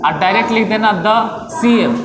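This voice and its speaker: A man's voice: sits high, moderate pace. A man with a Bihari accent teaching a classroom grammar lesson, coaxing and repetitive, often calling his students to listen. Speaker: English teacher. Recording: echoey room with faint ambient noise.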